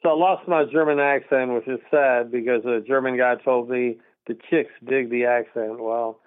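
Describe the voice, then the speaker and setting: A middle-aged Texan man calls in to a radio talk show, rambling earnestly and emphatically in a mid-range voice with fairly even intonation and a moderate pace. The telephone line sounds tinny and completely dry, with no room sound.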